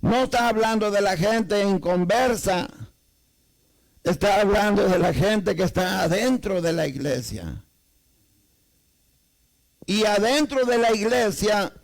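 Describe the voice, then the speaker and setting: High-voiced, unhurried male preacher. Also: rough recording. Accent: Salvadoran Spanish. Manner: rhetorical questions to the congregation, repeats "amados hermanos". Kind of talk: sermon.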